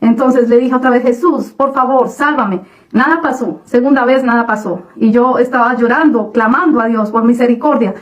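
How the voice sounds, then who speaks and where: Halting woman with a higher voice. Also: steady tone, rough recording. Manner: halting, many restarts and fillers. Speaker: testimony speaker. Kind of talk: personal religious testimony.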